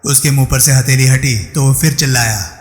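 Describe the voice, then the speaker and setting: A man narrating a crime thriller audiobook in a steady storytelling manner. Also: mid-range voice, fairly quick. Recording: echoey room with long reverb.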